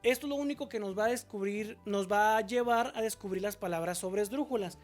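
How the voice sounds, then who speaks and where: A woman's voice: mid-range voice, brisk, soft background music. A woman teacher explaining a spelling lesson patiently, asking questions and answering them herself, and drawing out example words syllable by syllable.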